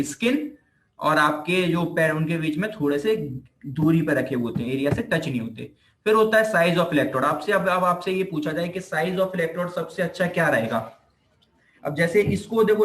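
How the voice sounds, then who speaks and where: A man with an Indian accent, his voice a little high and a bit bright, gives an informal explanatory lecture as a physiotherapy teacher. He repeats himself and checks that his students are following, and the recording has a roomy echo on his voice.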